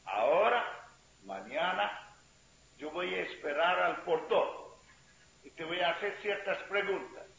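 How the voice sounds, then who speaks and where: A man's voice: high voice, animated, unhurried, fairly bright tone, full character voice. A man voicing a kindly old male temple priest in a told story, in an echoey room. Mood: gentle. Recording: echoey room with faint hiss.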